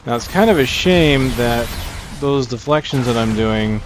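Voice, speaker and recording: A man hosting a gameplay video thinks aloud as he plays, giving casual commentary in a mid-range, lively voice at a slightly slow pace. Game music sits behind him amid a noisy background.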